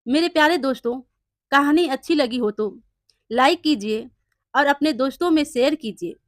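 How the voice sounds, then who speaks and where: High-voiced woman telling a folk tale. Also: moderate pace, no room sound, studio quality. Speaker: storyteller, channel host. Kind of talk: children's story narration.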